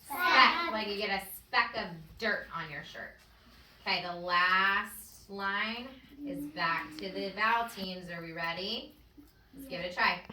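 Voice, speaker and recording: A woman's voice: medium pitch, a little slow, pushed and bright, slight background noise. A woman teacher leading a phonics lesson with a child in a classroom, patient and encouraging. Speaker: first-grade teacher. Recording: echoey classroom audio from far off.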